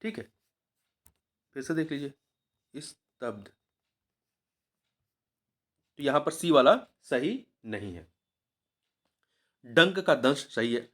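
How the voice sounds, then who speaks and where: A man's voice: medium pitch, expressive, slow, pauses often. A man teaching as an exam coach, going through a grammar test paper, patiently repeating each word and spelling it out syllable by syllable.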